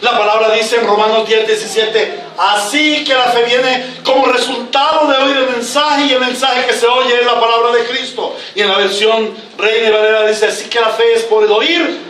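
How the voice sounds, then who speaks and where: A man preaching a sermon as pastor, slow and emphatic, breaking into shouts on key words, recorded in a church from a distance. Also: very high-pitched, steady tone, a little hiss or hum. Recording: echoey church hall, mic at a distance.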